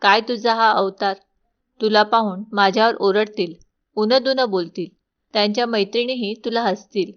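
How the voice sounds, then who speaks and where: A palace maid with a brusque, questioning manner, as a woman storyteller voices her, her tone only a little raised from the narration. Middle-pitched, in a slightly dull, lo-fi recording. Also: fairly even intonation, moderate pace, natural voice. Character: palace maid, brusque then humble and pleading.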